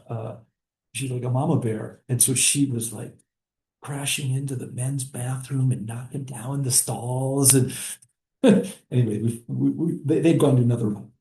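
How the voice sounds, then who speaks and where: A man's voice: mid-range voice, gravelly, warm tone. A male professor in a classroom, casually telling a story with many fillers. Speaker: history professor. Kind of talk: classroom discussion. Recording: echoey classroom.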